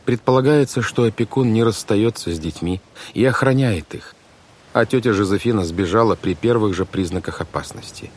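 A man narrating an audiobook in a measured, expressive storytelling manner. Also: lowish voice, husky. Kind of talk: scripted narration. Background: music.

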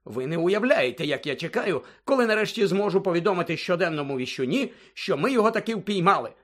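A man's voice: high-pitched, lively intonation, fast talker, fairly bright tone, voice pushed up. A man voicing a pompous, boastful middle-aged male minister in an audiobook. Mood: gloating. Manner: pompous, self-satisfied, raised voice.

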